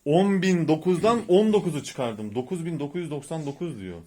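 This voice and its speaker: A man's voice: fairly high pitch, lively intonation, fairly quick. A man hosting a family quiz challenge in casual chat, playful and teasing, often breaking into laughter. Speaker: channel host running a family quiz challenge. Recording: home video with loud background noise.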